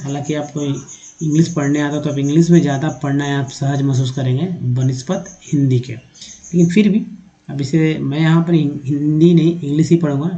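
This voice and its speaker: A man teaches an English reading lesson in a mellow, darker voice, drawing out his words as he explains step by step. The recording is dull and lo-fi, with crickets chirping faintly behind him. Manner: slow, drawn-out explaining, counting letters aloud in a lowered voice. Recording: dull, lo-fi sound.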